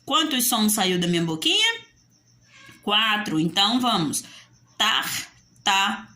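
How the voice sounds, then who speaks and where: A woman teacher with a Brazilian Portuguese accent leads a video lesson for young children, using a sing-song classroom voice as she poses pupils' questions and answers them herself. Her pitch sits in the middle but swings widely, her pace is a little slow, and her tone is sharp.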